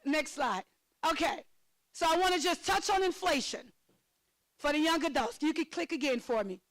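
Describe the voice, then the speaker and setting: Very high-voiced excitable woman presenter. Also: normal speed, poor audio. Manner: lively, calls on audience members by name; excitable, laughs often. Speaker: financial literacy workshop presenter. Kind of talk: interactive workshop teaching.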